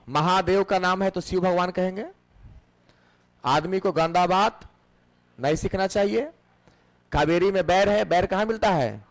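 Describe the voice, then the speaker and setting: A man's voice: high-pitched, measured pace, pauses often. A man teaching an exam-prep class. He keeps asking the class questions and then answers them himself. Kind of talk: classroom lecture with memory tricks.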